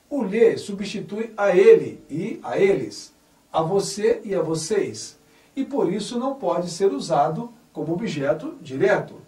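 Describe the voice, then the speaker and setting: Teaching grammar slowly and deliberately, a high-voiced man spells out words with care and leans hard on each corrected form. His dark-toned voice rises and falls a lot. He sits back from the mic, far away in an echoey room.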